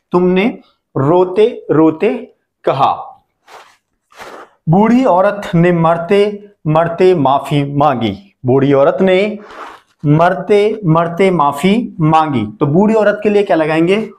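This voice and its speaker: A man from India teaching English translation, saying each example slowly and repeating every phrase. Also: high voice, darkish tone. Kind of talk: Hindi-language English lesson.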